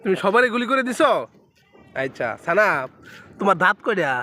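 A woman's voice: mid-range voice, sing-song, fairly quick, bright, forceful tone, slight background noise. A woman playfully coaxing a small child, asking him question after question in casual talk. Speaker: parent filming her toddler.

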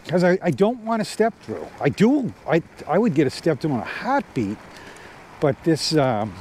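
An e-bike vlogger in his fifties talks casually while riding an outdoor trail, rambling with lots of fillers and restarts. His voice is mid-range and a little mellow. He speaks into a corded clip-on mic, with faint outdoor noise from the ride in the background.

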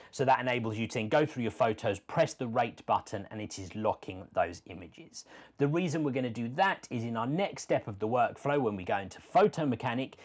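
A man in his forties, a sports photographer, giving a casual step-by-step tutorial from a home studio, relaxed with small fillers. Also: mid-range voice, husky. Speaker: sports photographer teaching workflow. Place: home studio room with brick wall.

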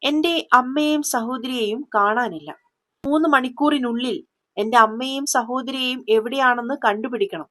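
A fierce young police superintendent, stern and used to giving orders, as a woman storyteller plays her. The voice sits fairly high and is firm and clipped. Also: moderate pace, fairly bright tone, lightly acted.

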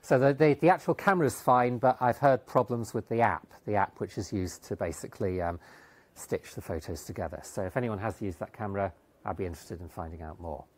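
A middle-aged man with a lowish voice delivers a technical conference talk with slides in a lecture hall. He speaks fairly quickly but hesitantly, with many ums and restarts.

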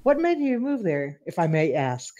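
A woman's voice: on the low side, very animated, normal speed, mellow, lo-fi sound. A woman hosting a casual interview over a video call, asking chatty, friendly questions.

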